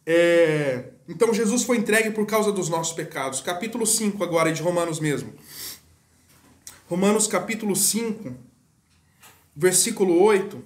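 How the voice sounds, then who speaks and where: High-voiced Brazilian pastor preaching. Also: male voice, animated, normal speed. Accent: Brazilian Portuguese. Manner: swings between soft low asides and loud rising exhortation. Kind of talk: sermon. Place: church hall. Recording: echoey church room.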